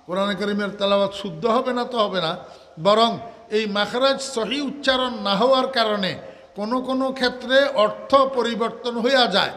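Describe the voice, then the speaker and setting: Older man, Bangladeshi Bengali accent, waz preacher, high voice, quizzes the crowd, long hall reverb. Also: a bit bright. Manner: asks the crowd questions and answers them himself; draws out Arabic words slowly, half sung. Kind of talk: waz sermon.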